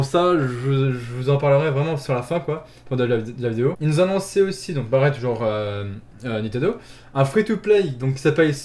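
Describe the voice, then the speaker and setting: A man's voice: medium pitch, a little mellow. A young man casually recapping video game announcements, rambling, correcting himself and laughing at his own phrasing. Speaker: gaming YouTuber.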